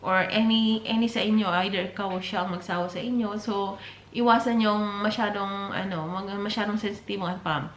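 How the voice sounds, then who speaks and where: A woman's voice: mid-range voice, fairly even intonation, normal speed, slight background noise. A woman giving dating advice in a casual vlog, chatty, mixing in English phrases and calling her viewers by pet names. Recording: roomy echo.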